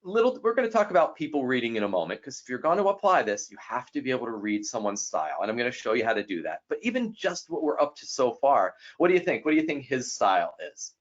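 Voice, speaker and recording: A man giving a talk on personality styles to a guest, acting out the people in his stories. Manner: animated, acts out quoted people with quick jumps in pitch. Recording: dull lo-fi sound.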